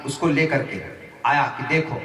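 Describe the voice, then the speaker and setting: Animated preacher, high bright voice. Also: male voice. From India. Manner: animated, emphatic, recites Quranic Arabic. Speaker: Islamic preacher. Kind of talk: sermon. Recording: echoey hall, mic far off.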